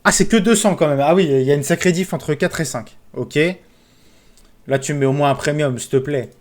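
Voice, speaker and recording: A man streaming casino games, commentating live, excitable, pleading with the game and calling out sums. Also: fairly high pitch, a little fast, soft background music.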